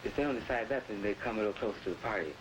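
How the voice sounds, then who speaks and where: A man speaking as an activist in an archival interview, talking in a loose, rushed way with "you know" and "you see" tags, heard through old newsreel film sound. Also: on the low side, rough recording.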